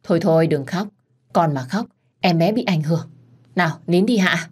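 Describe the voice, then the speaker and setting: A woman voicing a gruff but kind older mother-in-law who scolds and soothes. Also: lowish voice, moderate pace, darkish tone. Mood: gruff, soothing.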